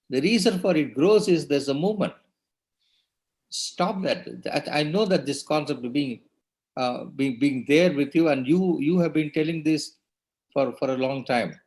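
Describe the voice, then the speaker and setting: A neurosurgeon, speaking hesitantly and placatingly on a panel, with many restarts. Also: male voice, on the high side, a little mellow, low-quality recording. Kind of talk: panel discussion.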